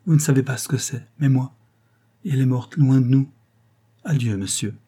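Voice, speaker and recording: A man reading aloud and voicing a grieving young woman who is gentle and childlike, in a soft, trembling voice. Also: medium pitch, moderate pace, breathy edge, pitched above the performer's own voice, close to an everyday voice. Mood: sorrowful.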